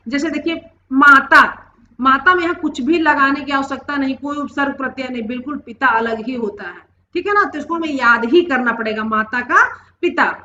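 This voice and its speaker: A high, bright woman's voice explains a grammar lesson patiently, asking her listeners questions before answering them. The sound is slightly dull and lo-fi, with noticeable room echo. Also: a little hiss or hum. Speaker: Hindi grammar teacher. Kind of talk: classroom-style grammar lesson.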